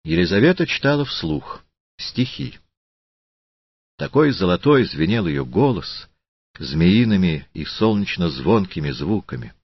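A man reading a literary audiobook in a slow, deliberate, solemn manner. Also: low-pitched, sing-song, gravelly, breathy edge, no echo, dull audio. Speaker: audiobook narrator.

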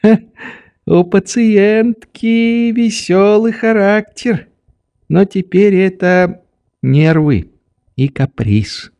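A man voicing a methodical, prim old male doctor who speaks slowly and reprovingly in an audiobook. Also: sits high, dry recording, voice pushed up, heavily acted. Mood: confiding. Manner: slow, measured, gently reproving. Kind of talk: audiobook character reading.

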